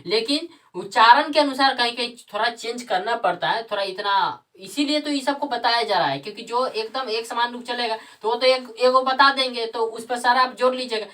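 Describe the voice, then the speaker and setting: Woman teacher, bright and higher-pitched, repeats rules, quizzes herself, off-mic. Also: fairly quick, hardly any pauses, far from the mic. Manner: asks and answers her own questions, repeats key terms. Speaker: Sanskrit grammar teacher. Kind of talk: classroom lesson with call-and-response questions.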